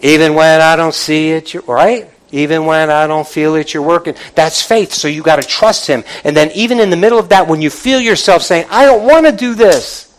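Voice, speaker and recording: A male pastor delivers a motivational sermon in a high-pitched voice. He exhorts his listeners directly and emphatically, repeating key phrases. His wording is colloquial and conversational, full of rhetorical questions. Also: moderate pace, few pauses, low-quality recording. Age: middle-aged or older. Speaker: pastor preaching to a congregation.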